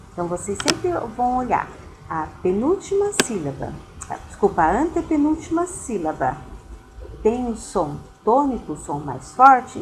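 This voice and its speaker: A woman's voice: mid-range voice, a little hiss or hum, low-quality recording. A woman teacher giving a recorded lesson, explaining patiently and speaking directly to her students.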